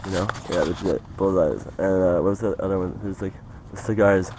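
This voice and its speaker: A man's voice: sits low, fairly even intonation, a little fast, background noise. A young man talking in a rambling, meandering way, full of "like" and "you know", in a casual monologue. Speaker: vlogger.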